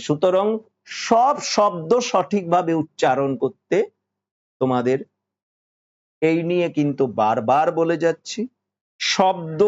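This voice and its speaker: A man with a Bengali accent giving a devotional sermon, slow and insistent, repeating phrases and singing verses. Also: on the high side, a little mellow, lo-fi sound. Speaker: spiritual teacher.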